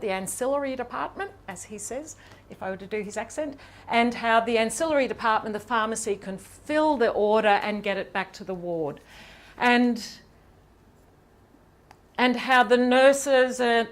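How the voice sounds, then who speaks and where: In a lecture hall, a professor from Ireland delivers a seminar talk in a lively, conversational style. She throws in quick asides and questions to the audience, her voice sitting on the high side.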